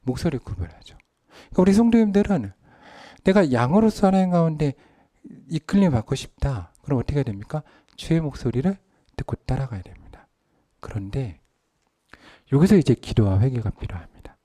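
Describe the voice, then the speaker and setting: A man preaching a sermon as a pastor, swinging from loud emphasis to hushed whispered lines. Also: mid-range voice, animated, fairly quick, dry recording.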